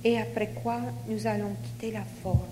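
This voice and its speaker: A woman leading a group in a guided meditation, giving measured instructions in short phrases. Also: mid-range voice, flat delivery. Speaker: leader of a spiritual group exercise. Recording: long hall reverb, faint noise.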